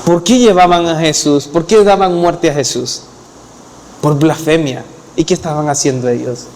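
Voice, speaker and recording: A man preaching a sermon in a church hall, his voice sitting a little high for a man. The sound carries a long reverb from the room. He retells scripture plainly and lifts his pitch as he drives a point home. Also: moderate pace, darkish tone, a little hiss or hum. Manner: retells scripture in acted quotes, lowering his voice for them; rises in pitch when pressing a point. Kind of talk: expository sermon.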